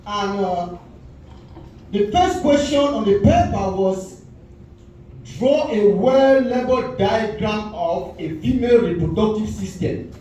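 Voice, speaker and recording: There's slight background noise as a Cameroonian man in his forties, with a Cameroonian accent, tells stand-up stories slowly in a high-pitched voice. He livens things up by voicing the quoted characters, and the echoey sound of the comedy club stage is heard from a distance.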